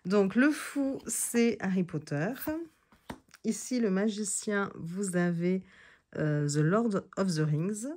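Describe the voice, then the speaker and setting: Taking her time, a woman with a medium-pitched, somewhat dark voice talks casually about tarot decks from a creaky chair indoors. Her speech is hesitant, packed with fillers and restarts, and she reads the card texts out loud.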